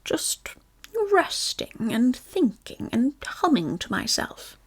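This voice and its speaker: A woman voicing a gentle, simple-minded male teddy bear in whispered role-play, slow and plaintive. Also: fairly high pitch, big pitch swings, slightly rough, heavily acted.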